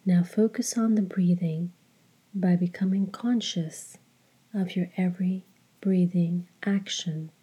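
A woman leading a guided meditation in a soft, hushed, breathy voice, speaking in a measured way with long pauses. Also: fairly low pitch, fairly even intonation. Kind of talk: slow guided meditation narration.

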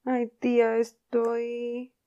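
A woman's voice: fairly high pitch, monotone, extremely slow, warm tone, clean tone, pitched above the performer's own voice. A woman voicing a young schoolboy who fakes being sick, whiny and plaintive. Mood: whimpering. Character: young schoolboy faking illness, melodramatic.

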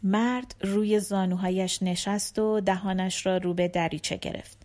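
A woman reading a short story aloud in a calm, measured narrating voice. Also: medium pitch. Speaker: audiobook narrator. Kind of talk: scripted narration.

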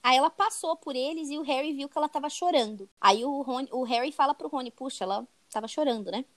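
A woman's voice: sits high, quick pace, no echo. A young Brazilian woman co-hosting a podcast, casually retelling a book chapter and tagging her sentences with "né?". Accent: Brazilian Portuguese. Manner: chatty, tags sentences with "né?". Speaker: podcast co-host.

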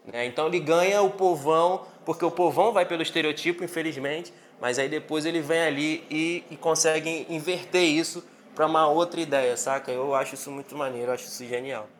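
Convidado brasileiro, voz meio aguda, jeito animado e informal numa sala de conversa online. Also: male voice, on the high side, a little fast, hardly any pauses, a little hiss or hum. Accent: Brazilian. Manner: slangy, animated, emphatic. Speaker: TV show guest. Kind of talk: casual chat in an online audio room.

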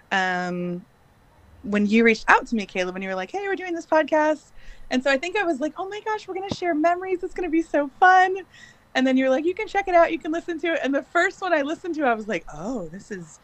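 Pitched high and a little fast, her intonation is lively as she chats casually as a podcast guest. She's in her late thirties, grew up in Bangladesh, and laughs often while using hesitant fillers.

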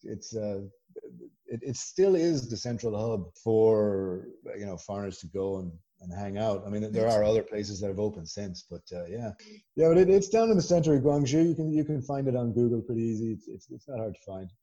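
A man with a west of Ireland accent, telling stories as a chatty, animated guest in a casual conversation. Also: on the low side, a little fast, lo-fi sound. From Galway, west of Ireland. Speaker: podcast guest.

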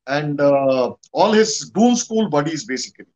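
A man with a distinctly high-pitched voice and an Indian accent speaks as a guest commentator. He talks conversationally, halting often and repeating phrases to drive them home. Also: animated, a little mellow, lo-fi sound. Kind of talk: conversational history and politics discussion.

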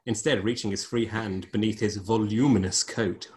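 A man's voice: steady tone, normal speed, darkish tone. A man hosting a podcast, reading a book aloud in a comic style and often breaking into laughter. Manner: laughs often, swings pitch widely.

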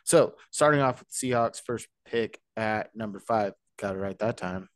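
A man hosting a casual sports podcast, talking in an animated, joking way with rambling asides. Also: lowish voice, normal speed, no room sound. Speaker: podcast host.

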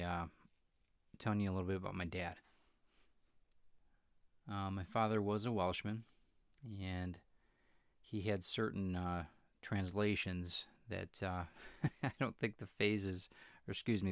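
Deep, flat-voiced male podcast host. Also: clear, resonant tone, no echo, studio quality. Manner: halting, with many fillers and restarts. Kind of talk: reflective solo podcast talk.

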